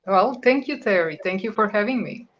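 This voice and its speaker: This woman, Croatian-born and in her fifties, answers as a radio interview guest in her native-Croatian-speaker's conversational style, often hesitating and groping for words. Her mid-range voice is expressive and moves at normal speed over dull-sounding audio.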